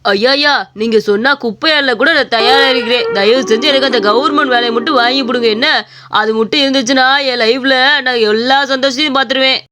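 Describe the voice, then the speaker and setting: A man's voice: extremely high pitch, steady tone, fast, bright, forceful tone. A man voicing a dramatic, hot-headed, lovesick young man in a cartoon story. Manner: wailing, dramatic. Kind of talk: cartoon voice acting. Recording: audible background hiss.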